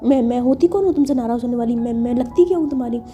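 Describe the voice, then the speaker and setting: Woman doing jealous young woman, sulky, curt snapping retorts, high dark voice. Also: very fast, natural voice. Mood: sulking.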